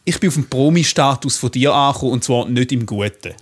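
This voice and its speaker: A man's voice: mid-range voice, quick pace. A young adult man with a Swiss accent, co-hosting a comedy podcast and telling wry anecdotes. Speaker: podcast co-host. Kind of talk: casual comedy chat.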